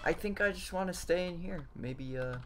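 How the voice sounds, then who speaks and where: A man's voice: high-pitched, normal speed, faint music behind. A young man giving scared, jumpy, exclaiming commentary as a horror game streamer. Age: teenager or young adult. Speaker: gaming streamer. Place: small home room.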